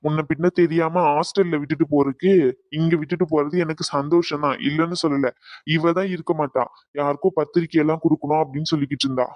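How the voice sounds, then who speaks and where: A man's voice: fairly high pitch, fairly even intonation, quick pace, no echo, lo-fi sound, lightly acted. Man voicing a polite young cartoon guy. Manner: polite, explaining. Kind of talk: cartoon voice acting.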